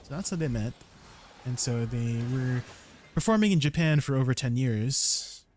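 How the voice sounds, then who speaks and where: A man's voice: medium pitch, animated, normal speed, darkish tone. Chatty male streamer, faint background noise. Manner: chatty storytelling, repeating viewer comments aloud. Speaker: live streamer. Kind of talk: casual chat with stream viewers.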